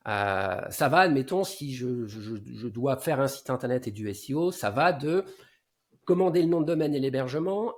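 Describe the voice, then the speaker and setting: A man in his forties talks through his work habits in a casual interview. His voice sits at an ordinary middle pitch. He gives advice in a low-key way, and his phrases often trail off softly at the end. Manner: explains at length in a low-key advising tone, often trailing off quietly. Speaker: guest SEO consultant.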